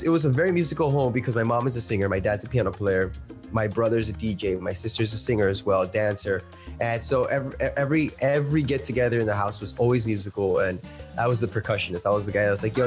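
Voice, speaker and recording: Young male producer from Peru, eager and rambling, low voice over video call, faint music under. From Peru, raised in Miami. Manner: enthusiastic, many fillers and restarts. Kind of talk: casual interview answers. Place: small plain indoor room. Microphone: headphones and studio mic on video call.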